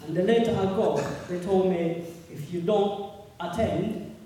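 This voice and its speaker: Man, 30s, earnest halting testimony, slightly high mellow voice, distant mic in an echoey hall. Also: steady tone. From Uganda. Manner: earnest, halting, repeats words. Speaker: speaker at a public meeting. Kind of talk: personal testimony.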